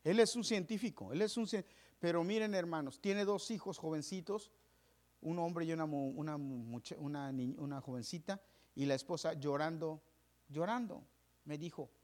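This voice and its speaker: A male pastor, fairly high in pitch and at a moderate pace, weaves a story into his sermon. His delivery moves from quiet whispers up to loud, fervent preaching.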